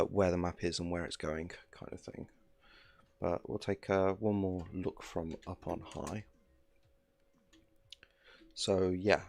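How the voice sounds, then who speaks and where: A man's voice: sits low, vocal fry, no room sound. A man in his thirties streaming a game from home, chatting casually into a desk mic with lots of fillers and asides. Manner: rambling, filler-heavy, easygoing. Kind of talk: casual gameplay commentary.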